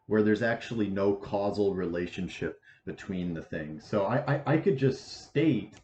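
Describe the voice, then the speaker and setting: A man in his twenties giving a casual math lesson, with a halting delivery full of restarts and fillers. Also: fairly low pitch, animated, darkish tone. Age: 20s. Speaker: math teacher. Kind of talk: casual lecture. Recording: echoey room, dull lo-fi sound, faint hiss.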